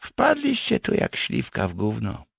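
A man voicing a cynical rustic man with hidden powers, talking gruff and earthy in an audiobook. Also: lowish voice, wildly swooping pitch, unhurried, fairly bright tone, no echo, clean studio sound, pitched above the performer's own voice, heavily acted. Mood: gruff scheming. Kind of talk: audiobook character voice.

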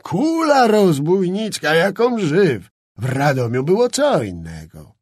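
A man's voice: high voice, huge pitch swings, slow pace, no room sound, clean studio sound, voice pushed up, full character voice. A man reading an audiobook, voicing a fat, boastful old nobleman who talks pompously and drawls. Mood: blustering.

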